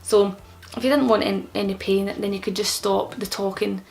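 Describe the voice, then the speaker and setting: Thick-tongued young woman with creaky voice. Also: mid-range voice, fairly even intonation, moderate pace. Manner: slightly impeded, thick-tongued speech from a new tongue piercing. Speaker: vlogger answering common questions. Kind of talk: casual explanatory vlog talk.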